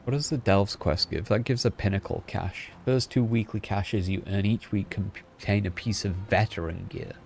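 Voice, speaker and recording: Man, game streamer, relaxed and chatty, husky fry, lowish pitch. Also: moderate pace, few pauses. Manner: relaxed, chatty, thinking aloud while gaming. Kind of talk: casual reaction livestream.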